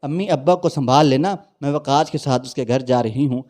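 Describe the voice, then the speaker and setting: A man's voice: medium pitch, darkish tone, natural voice. A man voicing a headstrong young college girl in a narrated story, speaking lightly and plainly. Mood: firm.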